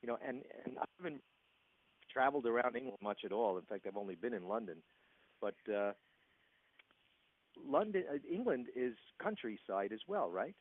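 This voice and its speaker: A man with a New York accent hosting a phone interview, halting with frequent restarts and a congested chest. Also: medium pitch, animated. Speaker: interview host. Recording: tinny phone line with faint hiss.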